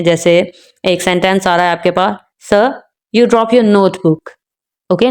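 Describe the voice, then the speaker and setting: Female lecturer, mid pitch, smooth resonant tone, careful slow delivery of examples. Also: a little mellow. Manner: repeats the filler "jo hai na" constantly. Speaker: teacher. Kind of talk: explaining a lecture, mixing English terms.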